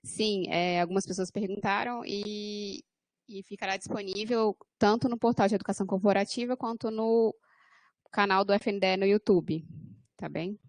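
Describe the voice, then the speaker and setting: A woman's voice: mid-range voice, fairly even intonation, moderate pace, darkish tone, no echo. Polite Brazilian woman moderator. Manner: polite, formal, ends with "tá bem?". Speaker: webinar moderator. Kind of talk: reading out audience questions.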